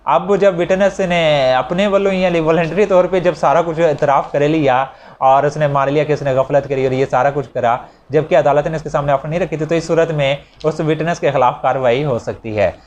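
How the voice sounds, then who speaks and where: A man with a Pakistani accent and a fairly high, slightly mellow voice gives a law lecture at a moderate pace, mixing in English legal terms. He explains with examples in a conversational, repetitive style, alternating with reading statute text aloud, on a noisy recording with background ambience.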